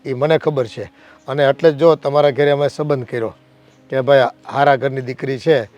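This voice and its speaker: An actor playing a worried, elderly uncle who pleads earnestly about family strife. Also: male voice, medium pitch, steady tone, moderate pace, darkish tone, natural voice.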